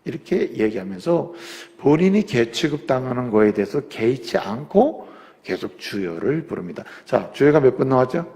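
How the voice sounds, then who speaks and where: A male pastor preaching a sermon, moving from quiet explanation to loud, rising exhortation in a church sanctuary. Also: medium pitch, big pitch swings, normal speed, big-room sound. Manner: acts out biblical speech in quotes.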